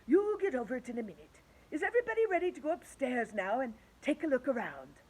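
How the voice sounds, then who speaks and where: A woman voicing an old male grasshopper who leads the group, speaking gently and reassuringly in a storybook. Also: high-pitched, sing-song, fast talker, slightly rough, pitched above the performer's own voice, heavily acted, rough recording. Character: old male grasshopper, kindly leader, trying to be cheerful.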